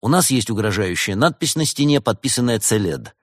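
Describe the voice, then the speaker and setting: A man voicing a clever male fox detective in a storybook reading, teasing and measured as he explains. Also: mid-range voice, lively intonation, dry recording, studio quality, voice pushed up, lightly acted. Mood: playful.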